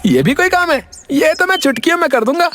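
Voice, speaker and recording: A dim-witted village husband in a cartoon, voiced by an actor with a very high, squeaky voice. He whines and drags out his complaints. Cartoon music plays loudly underneath. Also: big pitch swings. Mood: silly, whiny. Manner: squeaky, whining, drawn-out complaints. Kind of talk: Hindi cartoon dubbing. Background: cartoon background music.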